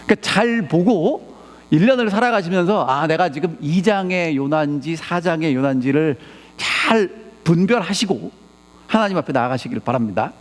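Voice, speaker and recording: Animated high-voiced male pastor preaching. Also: moderate pace. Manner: animated, peppers the congregation with rhetorical questions. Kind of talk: sermon. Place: church sanctuary. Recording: long church reverb.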